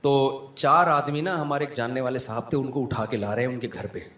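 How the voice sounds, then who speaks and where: A man with a Pakistani Urdu accent, a religious scholar telling humorous anecdotes in a lively way and acting out the people in them. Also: mid-range voice, fairly quick, reverberant. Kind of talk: humorous storytelling talk.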